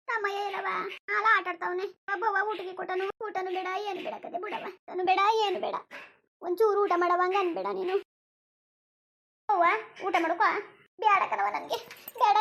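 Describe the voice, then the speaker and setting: A woman's voice: very high-pitched, fairly bright tone, slight background noise. A woman voicing a poor, weary village mother of four who pleads and reproaches, for a cartoon.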